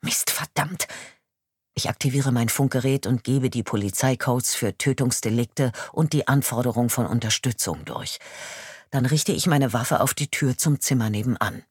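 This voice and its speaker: A woman reading a first-person audiobook, expressive in narration and firm and urgent in dialogue. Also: very deep voice, normal speed, husky, no room sound, studio quality. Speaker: audiobook reader.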